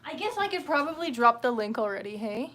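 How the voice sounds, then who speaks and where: A livestream host with a voice on the high side speaks briskly, her fairly bright tone swinging widely in pitch. She rambles casually at home, putting herself down and cursing freely, with an open window making the room noisy.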